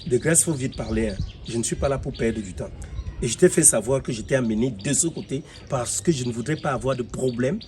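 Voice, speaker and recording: A man's voice: medium pitch, brisk, darkish tone, slight background noise, close to an everyday voice. A man with a Cameroonian French accent playing an impatient father who answers curtly and defensively. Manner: curt, defensive, insistent. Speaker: father in a comedy web series. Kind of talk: comedy web series acting.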